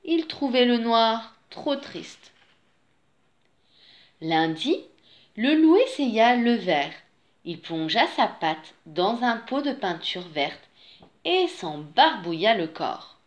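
A woman reading a children's picture book aloud in an expressive storyteller manner. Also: fairly high pitch. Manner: slow, expressive read-aloud.

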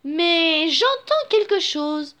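A clever little mouse, all swagger and bounce, as a woman reading aloud puts her on. The voice sits high and leaps around freely, and the words come slowly and deliberately, in a sing-song storybook lilt. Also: big pitch swings, bright, forceful tone, exaggerated voice. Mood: boastful. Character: small clever boastful mouse. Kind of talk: reading a picture book aloud.

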